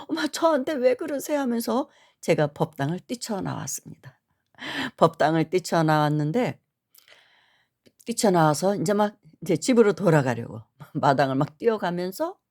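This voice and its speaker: A middle-aged woman earnestly recounting a personal spiritual dream, often pausing with an affirming "yes". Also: on the low side, a little mellow. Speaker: spiritual storyteller. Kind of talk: personal storytelling.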